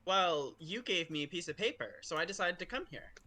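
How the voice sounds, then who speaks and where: A man's voice: high-pitched, expressive, brisk, bright, forceful tone. A man playing a tabletop game, talking in a blunt, wry way. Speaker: player.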